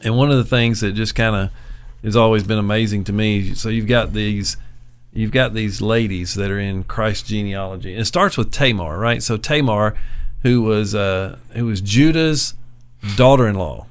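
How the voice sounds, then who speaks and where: Relaxed man talking Bible stories. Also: fairly low pitch, moderate pace, smooth. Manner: relaxed, conversational storytelling. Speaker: co-host. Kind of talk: casual chat, Bible teaching.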